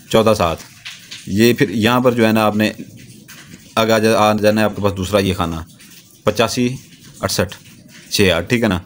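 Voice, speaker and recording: A man with a fairly low voice explains a ritual one step at a time. He talks in a steady, instructive manner, repeating himself and checking often that the listener has understood. A faint hiss sits under the recording. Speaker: spiritual practitioner teaching a ritual.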